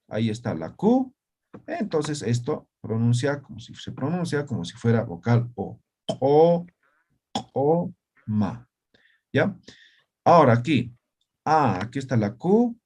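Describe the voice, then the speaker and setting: A man's voice: medium pitch, darkish tone, slightly rough. A man teaching an online Aymara writing class, explaining step by step and checking in with students by asking "right?". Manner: patient, explains step by step with frequent tag questions.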